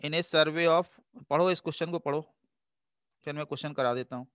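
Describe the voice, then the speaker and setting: Patient male math teacher, crisp dry voice. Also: fairly high pitch, fairly even intonation, a bit bright, no echo. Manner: patient, coaxing, calls students "beta"; slows down to read formulas aloud in English. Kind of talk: math revision lecture.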